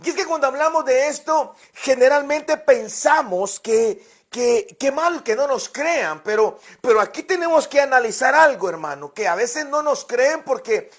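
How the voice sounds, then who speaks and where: A man's voice: extremely high pitch, lively intonation, moderate pace, few pauses. A man preaching a sermon as pastor, telling a story and reading scripture, often repeating words and speaking directly to his listeners.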